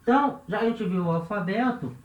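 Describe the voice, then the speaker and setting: A Brazilian man with a high voice gives a classroom-style language lesson at a fairly quick pace, patiently repeating each example word and checking in with the listener after nearly every phrase. The recording is roomy, dull and lo-fi.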